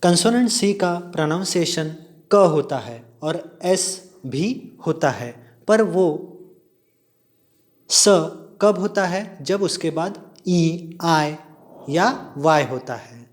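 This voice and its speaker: A male polytechnic English lecturer with an Indian accent. He reads spelling rules out slowly in English and then explains them quickly in Hindi. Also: on the high side, lively intonation. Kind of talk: recorded classroom lecture.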